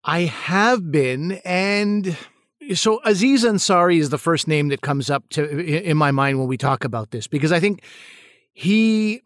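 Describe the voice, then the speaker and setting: A man's voice: on the high side, expressive, unhurried, dry recording, clean studio sound. A male actor and comedian answering interview questions thoughtfully, often restarting and repeating words.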